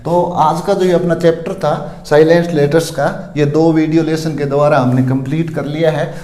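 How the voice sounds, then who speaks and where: A male teacher explains pronunciation step by step, pausing to repeat his reminders. His voice sits a little high and sounds mellow. The room around him is echoey. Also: fairly even intonation. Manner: slow, repetitive explaining with frequent reminders. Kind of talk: spoken English lesson explaining word pronunciation.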